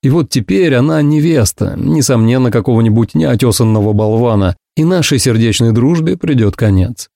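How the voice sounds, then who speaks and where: A man's voice: medium pitch, lively intonation, moderate pace, gravelly, hardly any pauses, dark tone, dry recording. A man narrating an audiobook in a dry, ironic manner.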